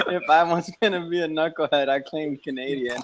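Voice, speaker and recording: A man's voice: on the high side, slight background noise. A man co-hosting a casual live video-call show, joking around and laughing easily. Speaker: co-host.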